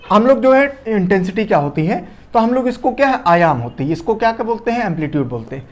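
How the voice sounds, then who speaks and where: A man giving a classroom lecture. He asks and answers his own questions and keeps checking that everyone has understood. He drops his voice low and quick, then gets loud and fast to show what he is teaching. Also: expressive. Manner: repeats key points with rhetorical questions, checks understanding; shifts loudness and speed to demonstrate.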